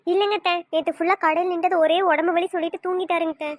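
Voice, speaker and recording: A woman's voice: extremely high pitch, flat delivery, quick pace, no room sound, studio quality. A woman voicing a timid, tearful young daughter-in-law who pleads meekly in a cartoon. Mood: pleading. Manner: meek, pleading, whiny. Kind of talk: cartoon voice acting.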